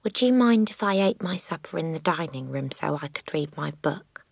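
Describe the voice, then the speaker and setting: A woman's voice: low-pitched, animated, normal speed, creaky, breathy edge, no room sound, clean studio sound, exaggerated voice. A woman voicing an earnest, bookish little girl in a storybook, speaking in a restrained, disapproving manner. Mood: politely objecting. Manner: quiet, restrained, reproachful.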